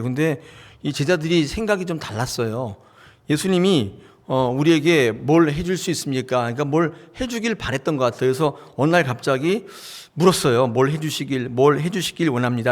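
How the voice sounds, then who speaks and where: Guy pastor giving a sermon, chatty, lots of up and down in his voice, kinda high for a man. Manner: conversational preaching with questions to the congregation and acted-out dialogue. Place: church sanctuary.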